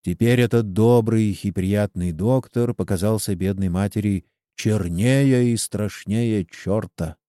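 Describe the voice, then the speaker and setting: A man narrating a sad storybook in an expressive, sorrowful way. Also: fairly low pitch, measured pace, hardly any pauses, no room sound, studio quality. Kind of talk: storybook reading.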